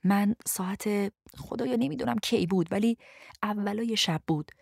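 A woman reading a young man's lines in a low, urgent murmur, pleading and defensive. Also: gravelly, darkish tone, breathy edge, no echo, clean studio sound.

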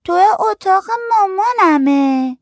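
A woman voicing a stubborn little girl on her birthday, in a high, slow, shrill child's voice. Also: lively intonation, dry recording, studio quality. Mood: whiny.

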